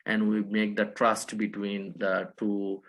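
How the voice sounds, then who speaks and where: A Rohingya man from a Bangladesh refugee camp, speaking as a panelist in a halting way with many restarts. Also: lowish voice, monotone, a bit bright. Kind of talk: online panel talk.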